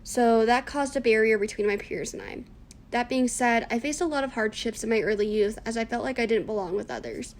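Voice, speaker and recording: With a fairly high pitch and a slightly fast delivery, a woman in her early twenties reads scripted, reflective answers for a class project interview, earnest throughout. She grew up in the United States speaking Cantonese natively, and there's a little hiss or hum on the audio.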